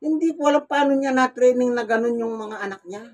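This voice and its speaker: A man's voice: extremely high pitch, a little fast, low-quality recording. A man preaching a Gospel sermon in a folksy manner, acting out everyday dialogue as he goes.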